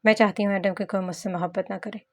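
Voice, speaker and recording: A woman's voice: mid-range voice, fast talker, natural voice. Woman voicing Hunain, a guarded grieving young woman. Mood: resigned. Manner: calm, resigned.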